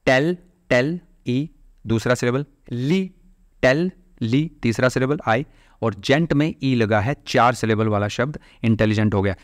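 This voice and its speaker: A man's voice: medium pitch, dry recording, studio quality. A man teaching an English grammar class online, explaining step by step and drawing words out syllable by syllable. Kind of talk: online class lecture in Hindi.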